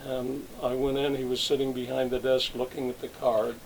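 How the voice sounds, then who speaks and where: Older man recounting his working past for an interview, meandering and halting, with a faint hiss behind him. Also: mid-range voice, level tone, low-quality recording. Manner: rambling, reminiscing with frequent restarts. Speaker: interviewee, retired salesman. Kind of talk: oral history interview.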